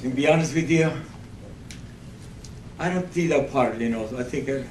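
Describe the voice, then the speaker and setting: Man, mid voice, halting testimony, echoey room far from the mic. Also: mid-range voice, a little mellow, a little hiss or hum. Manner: halting, many restarts. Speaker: outreach volunteer reporting. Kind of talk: church testimony. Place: church meeting room.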